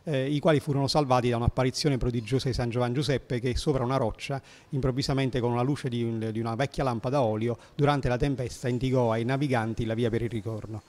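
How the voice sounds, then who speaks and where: A man's voice: mid-range voice, fairly even intonation, fast talker, hardly any pauses, a little mellow. Middle-aged man with a Neapolitan accent. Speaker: poet being interviewed. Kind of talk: interview talk and poetry recital in Neapolitan dialect. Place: indoor exhibition hall of a seminary. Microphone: handheld interview microphone held to him.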